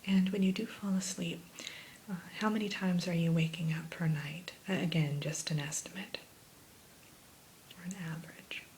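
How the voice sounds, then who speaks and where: A woman in a whispered role-play as an attentive spa consultant, gently talking a client through questions and advice like a spa receptionist. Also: on the low side, steady tone, moderate pace. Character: soothing, attentive female spa sleep consultant. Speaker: ASMR performer playing a spa sleep consultant. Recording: close whisper with background hiss.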